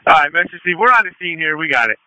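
A man speaking as a fire battalion chief over two-way radio, brisk and commanding in urgent firefighter traffic. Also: fairly high pitch, animated, sharp tone, no room sound, rough recording. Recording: close dry two-way radio transmission.

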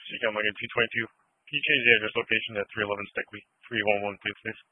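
Low, flat male officer over radio. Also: racing, noisy background. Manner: polite, procedural. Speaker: police officer. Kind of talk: police radio requests. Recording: muffled, band-limited radio transmission.

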